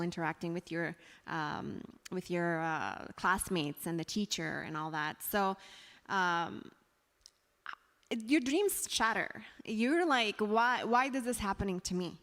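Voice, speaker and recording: A woman from Afghanistan, a guest speaker, telling her story in a halting, earnest way with many fillers. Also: fairly low pitch. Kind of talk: sharing a personal story on stage. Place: church hall. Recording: long hall reverb.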